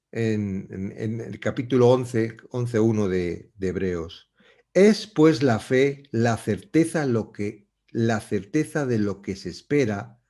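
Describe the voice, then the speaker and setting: A man teaching a Bible study in a conversational, reflective way, often pausing and restarting as he searches for words. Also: on the low side, a little mellow.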